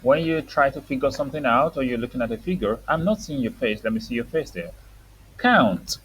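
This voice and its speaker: A woman's voice: very deep voice, animated, fairly quick, a little hiss or hum, low-quality recording. A woman teaching reading to a young child, saying words for the child to repeat and explaining them simply.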